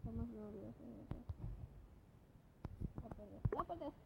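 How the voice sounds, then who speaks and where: A woman reading her own fan story aloud and acting out the characters, swinging between loud lines and hushed whispers. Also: fairly high pitch, lively intonation, measured pace, gravelly, highs cut off, very noisy.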